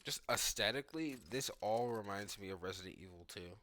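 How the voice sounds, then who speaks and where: This man's lowish voice is bright and forceful, expressive and a little fast, as he reacts to a game's cutscenes and gameplay for his video channel. He thinks out loud in casual, informal terms, often dropping "like."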